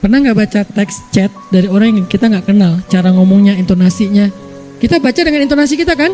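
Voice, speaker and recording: A man's voice: sits high, fast, darkish tone, soft background music. A male Indonesian preacher giving a casual, playful religious talk, acting out everyday examples.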